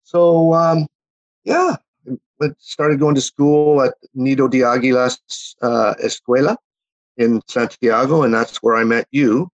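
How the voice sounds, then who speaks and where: A man's voice: medium pitch, steady tone, a little slow, no echo, lo-fi sound. A Canadian man in his fifties, a guest telling long rambling stories with lots of fillers and restarts. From Winnipeg, Manitoba, Canada. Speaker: interview guest. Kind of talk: casual chat, reminiscing.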